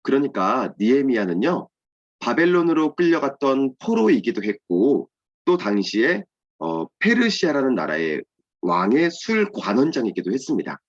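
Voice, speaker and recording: A man's voice: mid-range voice, sing-song, normal speed. A man giving a children's sermon, explaining simply and asking and answering his own questions. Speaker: children's ministry pastor. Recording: dull lo-fi sound.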